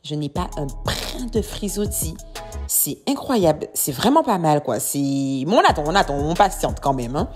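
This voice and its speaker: A woman's voice: sits low, very animated, normal speed, a little mellow. A woman hair care vlogger giving a casual, chatty product review and talking straight to her viewers. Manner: chatty, addresses viewers as sweeties, exclaims. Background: background music.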